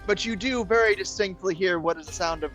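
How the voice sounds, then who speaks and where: A man's voice: sits high, fairly quick, fairly bright tone, soft background music, rough recording. A man narrating as game master, explaining rules in a hesitant, politely roundabout way.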